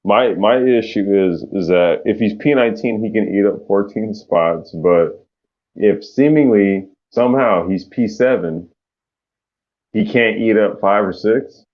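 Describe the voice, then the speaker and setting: A man's voice: fairly low pitch, unhurried, lo-fi sound. A man co-hosting a casual car talk show, blunt and emphatic, swearing casually. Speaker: podcast co-host.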